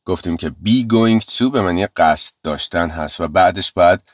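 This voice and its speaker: A man, a teacher, explaining in his own language and repeating English phrases slowly and clearly. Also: low voice, no room sound, clean studio sound. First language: Persian.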